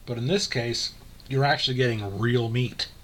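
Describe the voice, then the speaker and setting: A man's voice: medium pitch, normal speed, a bit bright, slight background noise. Frank, rambling man vlogging. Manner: frank, rambling, eating while talking. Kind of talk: casual talk to camera. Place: home room.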